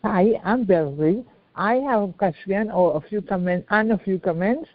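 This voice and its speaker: A woman's voice: medium pitch, normal speed. An older woman from Trinidad with a Trinidadian accent, calling in with an earnest question. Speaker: caller. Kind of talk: call-in question. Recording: tinny phone line.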